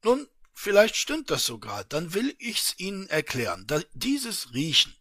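A man's voice: high voice, huge pitch swings, measured pace, no room sound, studio quality, voice pushed up, heavily acted. A man voicing a blustering secret-office chief. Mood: lecturing. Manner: loud, scolding, sarcastic. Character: bullying, blustering male head of a secret office.

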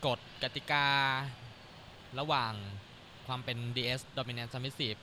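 A man's voice: medium pitch, fairly even intonation, slow, background noise. A man hosting a casual interview, asking loose, searching questions. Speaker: host.

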